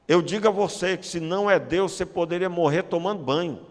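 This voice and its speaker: A Brazilian man with a Brazilian Portuguese accent delivers a sermon in a slightly high voice. He leans hard on key words, slowing down to drive them home, and drops in joking asides. His voice carries a long reverb from a church hall. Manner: emphatic preaching that slows down to stress key words, with joking asides. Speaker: pastor.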